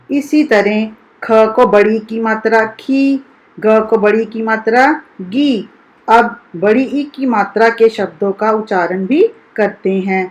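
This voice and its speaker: A woman teacher leads a recorded lesson for young pupils. Her voice sits a little high, and she talks at an unhurried pace. She breaks words into single syllables and says each one clearly and deliberately. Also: poor audio. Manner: slow, deliberate, sounds out each syllable for children. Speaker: school teacher. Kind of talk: recorded primary-school Hindi lesson.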